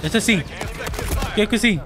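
A young Mexican man giving excitable, jokey gameplay commentary and swearing now and then. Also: high-pitched, slow, background noise. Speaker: gamer. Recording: gunfire from game audio. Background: loud game gunfire.

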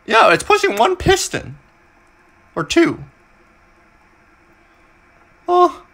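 A woman's voice: high-pitched, wildly swooping pitch, extremely slow, a bit bright, full character voice. A woman voicing a jumpy, chatty cartoon devil boy in a Minecraft let's play role-play, easily startled. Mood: puzzled.

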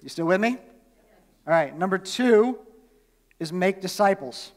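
A man's voice: high voice, lively intonation, measured pace, long reverb tail. A male pastor preaching a sermon in a conversational way, often asking his congregation questions. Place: church.

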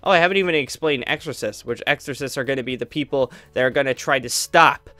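Flying over a game world, this young YouTuber gives his viewers a casual channel update in a medium-pitched, bright, forceful voice at a fast clip. His upbeat rambling is packed with fillers and restarts, with no echo in the audio.

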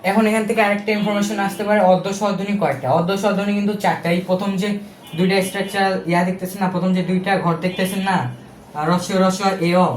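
Speaking in a high voice, this young Bangladeshi-accented man walks through exam-prep material one step at a time, asking rhetorical questions, using fillers and fixing his own slips along the way. The room is reverberant, with slight background noise.

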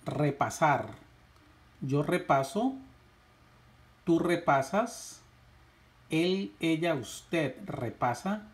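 A man teaching a lesson, reciting verb conjugations in a slow, measured drill with rising lists. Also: a little high. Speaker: Spanish teacher.

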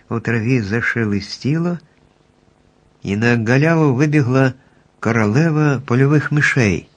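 A man reading a children's fairy-tale audiobook aloud in steady, expressive scripted narration. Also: mid-range voice, lo-fi sound.

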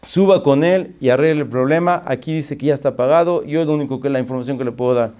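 A man's voice: mid-range voice, quick pace, natural voice. A man voicing a nervous young female office clerk who answers apologetically. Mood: flustered. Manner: apologetic, flustered, soft-spoken.

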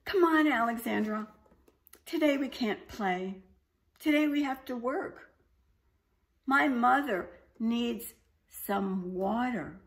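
A woman voicing a pleading young male baby dragon, high, loud and whiny. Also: expressive, slow, pauses often. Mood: eager.

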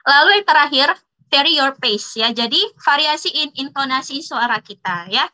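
A woman with a high voice teaches public speaking in a relaxed online class. Her voice is very bright and forceful, and her talk is chatty, with frequent laughs and tag words. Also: normal speed, low-quality recording.

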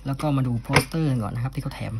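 A cassette collector unboxes an item from his collection in a casual, unscripted showcase, often closing phrases with polite particles. His mid-range voice races along, over steady background noise.

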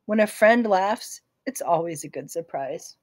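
A woman narrating a novel in the first person, calm, gentle and reflective. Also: on the low side, a little slow, no echo. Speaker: audiobook narrator.

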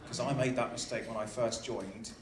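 A man's voice: medium pitch, steady tone, normal speed. Male captain as stage host, dry and teasing, echoey noisy theatre capture. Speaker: ship's captain hosting staff introductions. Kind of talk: joking live stage introductions to an audience. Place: theatre stage on a cruise ship. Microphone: handheld PA mic, filmed from the seats. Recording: echoey theatre, noisy phone recording from audience.

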